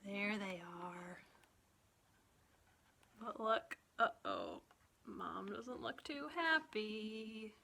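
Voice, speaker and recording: With a mid-range voice marked by vocal fry, a woman who works as a children's librarian reads a picture book to young kids, expressive and deliberate in true storytime fashion. A faint hiss or hum sits in the recording.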